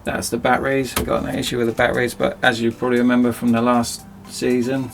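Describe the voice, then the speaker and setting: A man's voice: mid-range voice, completely flat delivery, fast talker, vocal fry, soft background music. A man chatting casually and self-mockingly as he rambles through a DIY project in his cramped home workshop. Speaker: DIY video host.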